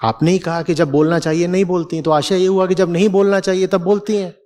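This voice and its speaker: A man's voice: sits high, flat delivery, quick pace, darkish tone. A middle-aged man answering questions in a live hall session, blunt and teasing with rhetorical questions. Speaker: spiritual teacher answering questions. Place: large hall at a festival.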